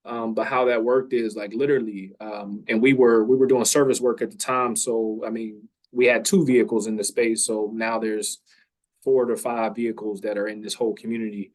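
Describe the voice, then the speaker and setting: A man's voice: lowish voice, flat delivery, moderate pace, poor audio. A man hosting a campus talk, telling a story in a casual way, full of ums and restarts. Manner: hesitant, many ums and restarts.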